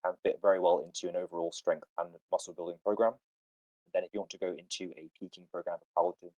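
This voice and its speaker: A man's voice: low voice, flat delivery, fast talker, a little mellow, dry recording, highs cut off. A man hosting a casual fitness podcast, confidently explaining training ideas to a caller over a voice call. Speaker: podcast host answering fitness questions.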